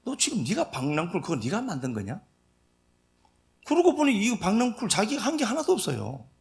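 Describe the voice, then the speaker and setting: A man preaching a sermon as pastor, telling the story vividly and swinging between loud emphasis and soft asides. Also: high-pitched, gravelly. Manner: lively storytelling, acting out dialogue.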